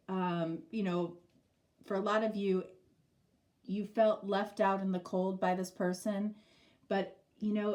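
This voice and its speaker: A middle-aged tarot reader with a medium-pitched, darkish voice gives a casual reading. A cold leaves her sounding stuffy and nasal, and she rambles through lots of fillers.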